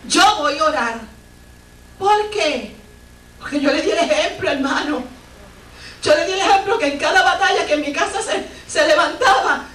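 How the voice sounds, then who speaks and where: High-voiced woman preaching in an echoey church. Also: fairly bright tone, distant mic. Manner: fervent storytelling with exclamations of praise. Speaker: missionary preacher. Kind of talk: Pentecostal sermon testimony. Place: church sanctuary. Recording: echoey church recorded from afar.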